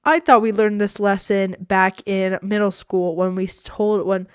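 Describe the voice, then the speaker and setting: A woman's voice: mid-range voice, level tone, measured pace, smooth, no echo, clean studio sound. A teenage girl hosting her own podcast, rambling in a casual, self-deprecating way, with a lot of "like" in her speech. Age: teens. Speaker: podcast host. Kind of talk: casual solo podcast monologue.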